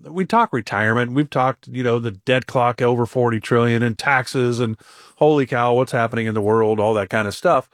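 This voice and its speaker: A man hosting a radio talk show, asking his guest upbeat rapid questions and reading out a phone number. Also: medium pitch, no echo, studio quality.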